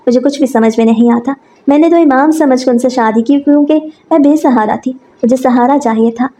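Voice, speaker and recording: A woman reading aloud as a meek young second wife in a spoken story, soft and pleading. The voice sits a little high, with a mellow, warm tone. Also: natural voice.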